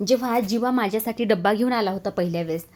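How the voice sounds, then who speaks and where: A woman's voice: mid-range voice, fast talker, natural voice. A woman doing an evasive young woman guest. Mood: guarded. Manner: evasive, softly pointed.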